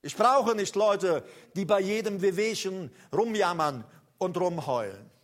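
A high-pitched man preaching with fervor, calling his listeners to stand up and stop complaining. He addresses them directly, building to loud rallying cries and then dropping to quiet, confiding asides. His delivery is emphatic and rousing throughout. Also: lively intonation, a little slow. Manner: swings between loud calls and low intimate asides. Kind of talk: charismatic sermon.

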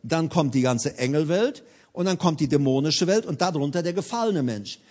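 Male preacher, high voice with wide swings in pitch, delivers a sermon with emphatic, repeated phrases. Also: animated, normal speed, darkish tone.

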